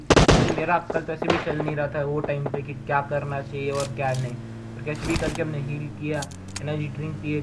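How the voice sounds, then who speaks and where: A young man giving a casual, excited and self-mocking voice-over of his own gameplay, telling the match as a joking story. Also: fairly high pitch, noisy background. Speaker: gamer narrating his match. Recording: voice-over with clear game gunfire behind.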